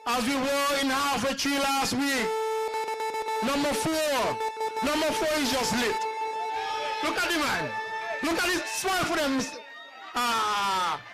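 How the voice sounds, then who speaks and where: A man's voice: very high-pitched, expressive, slow pace, pauses often, over loud music. A man with a Kittitian accent giving a fiery campaign speech at an outdoor rally, rousing and repetitive, calling out to the crowd. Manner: rousing, repeats phrases, calls to the crowd. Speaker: political rally speaker.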